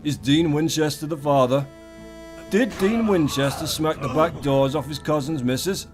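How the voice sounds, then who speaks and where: A man's voice: fairly high pitch, normal speed. A British man hosting a gaming video, giving profane, colloquial comedic commentary in a theatrical, irreverent, mock-grandiose way. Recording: voice over a music bed. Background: music.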